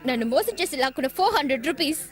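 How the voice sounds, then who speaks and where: A headstrong young woman student in a comic film, who talks back with defiant, bossy certainty. Her voice is very high and bright. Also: lively intonation, racing.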